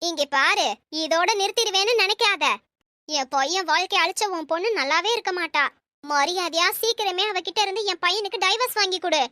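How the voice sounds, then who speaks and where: A woman's voice: very high voice, a little fast, sharp tone, no room sound, clean studio sound. A woman voicing a furious middle-aged mother who scolds and threatens harshly in a cartoon story. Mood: angry.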